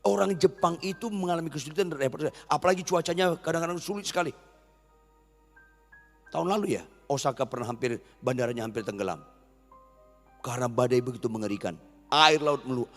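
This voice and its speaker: Pastor guy preaching, kinda gravelly, long echo in the hall, music under it. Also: fairly high pitch, fairly quick, pauses often. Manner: animated, asks the congregation questions and answers them. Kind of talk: sermon.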